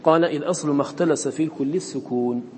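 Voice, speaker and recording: A man teaching Quran recitation to students. He chants the recited words slowly between quicker explanations and checks in with short questions. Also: on the high side, darkish tone, long reverb tail, a little hiss or hum.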